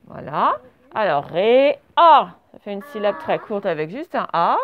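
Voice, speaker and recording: A woman's voice: medium pitch, big pitch swings, normal speed, dull audio, a little hiss or hum. A woman teaching a children's dictation, stretching each word and spelling it out syllable by syllable. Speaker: primary school teacher.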